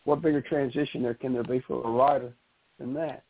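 A man calling in to a radio show over a phone line, chatting casually in an animated, rambling way. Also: mid-range voice, a little fast. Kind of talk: casual on-air chat.

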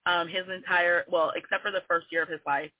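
Her voice sits on the low side with fairly even intonation, and she speaks briskly. She's a woman in her forties, a guest poet with a New Orleans-tinged Southern accent, chatting openly and laughing often in a casual interview. The phone-line audio is tinny, with no room sound.

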